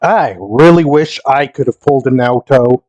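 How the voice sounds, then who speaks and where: A man's voice: medium pitch, moderate pace, a little mellow, no room sound, dull audio. A man giving casual commentary as a game streamer, with a sardonic, exasperated manner and free swearing. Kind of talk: casual commentary over gameplay.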